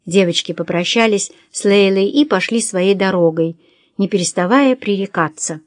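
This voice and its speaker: A woman's voice: medium pitch, moderate pace, no echo. Woman narrating an audiobook, dry close sound. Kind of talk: scripted narration.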